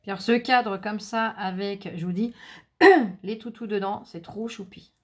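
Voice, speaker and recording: A woman's voice: mid-range voice, a little slow. A French woman chatting casually to viewers as she unboxes craft supplies, enthusiastic and talkative. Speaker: craft vlogger.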